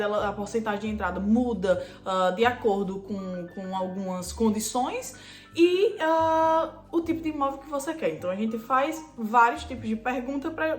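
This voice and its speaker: A woman, a real estate agent, calmly and methodically explaining the steps to buy property. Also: on the high side. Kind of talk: explanatory chat. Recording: echoey room with faint music.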